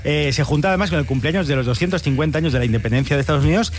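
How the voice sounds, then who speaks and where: A man's voice: fairly high pitch, racing, faint music behind. A man from hosting a satirical news commentary, with ironic, sarcastic asides. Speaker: host.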